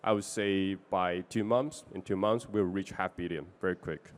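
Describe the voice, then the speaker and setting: Speaking at normal speed with fairly even intonation, a man from Taiwan presents his investment fund to potential backers. He has a Taiwanese accent and makes minor grammatical mistakes typical of a non-native speaker.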